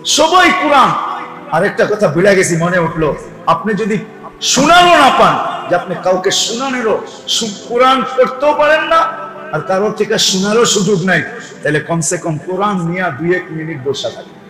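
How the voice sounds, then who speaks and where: A man preaching a sermon to a gathering. He keeps asking the audience quick questions and shifts between soft and raised passages. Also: high voice. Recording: echoey hall, faint music.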